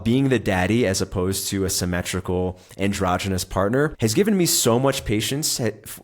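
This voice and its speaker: A man in his thirties hosting a solo podcast, explaining his views in long, earnest, flowing sentences. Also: on the low side. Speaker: podcast host.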